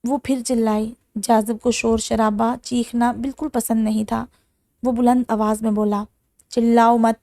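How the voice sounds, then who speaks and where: A woman narrating a romance novel in a steady, dramatic audiobook style. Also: on the high side, no echo, studio quality.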